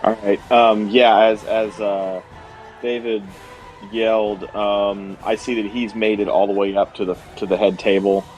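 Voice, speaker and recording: A man with a low, even voice talks slowly and haltingly through his move in a tabletop game. The audio is a bit dull and lo-fi, with music behind. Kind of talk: casual game chat.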